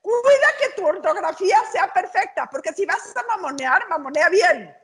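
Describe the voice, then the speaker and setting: A Mexican woman co-hosts a casual podcast. Her high voice swings up and down with a bright edge. She teases playfully and laughs as she speaks. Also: animated, moderate pace, slight background noise. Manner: playful, teasing, laughs while talking. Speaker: podcast co-host. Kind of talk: casual chat.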